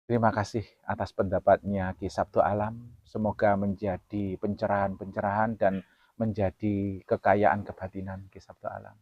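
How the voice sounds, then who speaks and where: A man hosting a talk show, addressing viewers earnestly and solemnly, his voice swinging between loud emphasis and soft asides. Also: lowish voice, level tone, normal speed, no echo, dull audio. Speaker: host.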